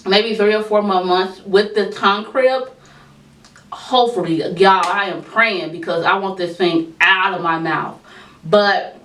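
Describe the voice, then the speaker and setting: A woman's voice: medium pitch, fairly bright tone. A woman vlogger with a lisp from braces, talking casually to her viewers. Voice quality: lisp from braces and tongue crib. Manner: chatty, informal, addresses viewers as y'all. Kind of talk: casual life update vlog. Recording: roomy echo, speaking from a distance to the mic.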